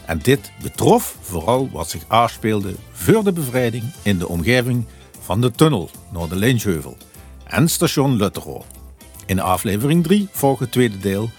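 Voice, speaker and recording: Male podcast host and interviewer, broad southern Dutch Limburg accent, lively melody, some faint music. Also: lowish voice.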